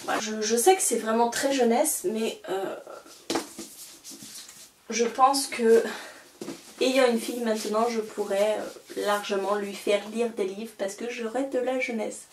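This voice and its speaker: A woman's voice: a little high, steady tone, unhurried, noisy background. A young woman chatting casually and eagerly about books she bought, with many fillers and restarts. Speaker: book vlogger. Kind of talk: casual book haul vlog. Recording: roomy, a little far from the mic.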